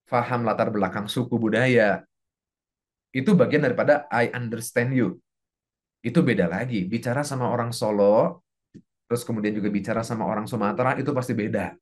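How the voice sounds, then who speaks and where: A man's voice: on the low side, brisk. Earnest male coach lecturing a class. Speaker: motivational coach teaching a class. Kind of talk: earnest religious self-development lecture.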